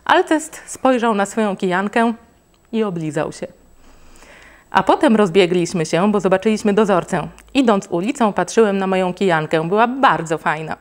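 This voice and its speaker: A woman reading a children's book aloud in a lively, expressive way. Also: mid-range voice, moderate pace. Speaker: reader.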